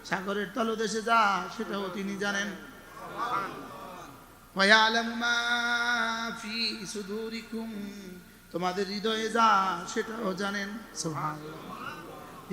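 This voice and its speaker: A man's voice: high voice, little pitch movement, slow pace, long pauses. A male preacher giving an Islamic sermon, chanting Arabic verses and calling out questions to the congregation. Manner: chanting Arabic verses, call-and-response with the crowd. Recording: echoey hall with long reverb.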